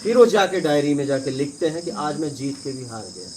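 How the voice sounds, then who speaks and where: A man with a notably high-pitched voice gives a spiritual discourse in a relaxed, conversational way. He tells parables and keeps checking that his listeners follow, over a faint hiss of background noise. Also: a little fast. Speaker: spiritual teacher.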